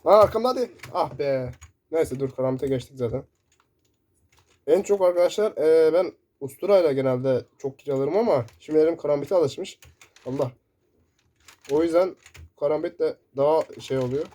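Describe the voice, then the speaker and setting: A man commentating his own first-person shooter gameplay, excitable and shouting in bursts, keyboard clicks close by. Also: a little high, moderate pace, pauses often. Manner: excitable, shouting in sudden bursts during play. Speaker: gaming YouTuber. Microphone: desk mic picking up keyboard. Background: loud keyboard typing.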